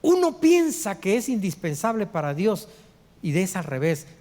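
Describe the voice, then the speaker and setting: A middle-aged man, a pastor preaching a sermon, dropping to hushed low lines and rising for loud quoted voices. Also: sing-song, normal speed. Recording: long hall reverb.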